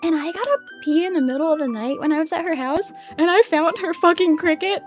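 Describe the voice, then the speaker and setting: A young woman VTuber chatting casually on a livestream, excitable and giggly, swearing freely. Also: extremely high pitch, brisk, faint music behind. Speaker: VTuber streamer.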